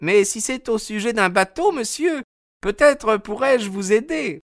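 A man voicing a loud, worried working-class boatman's wife in an audiobook, chattering and fretful. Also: high-pitched, lively intonation, measured pace, dry recording, studio quality, voice pushed up. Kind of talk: audiobook character voice.

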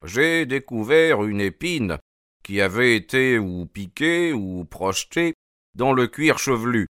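A man voicing a cool, sharp-minded detective who speaks calmly and precisely with dry irony. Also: mid-range voice, slow pace, no echo. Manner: calm, precise, dryly ironic.

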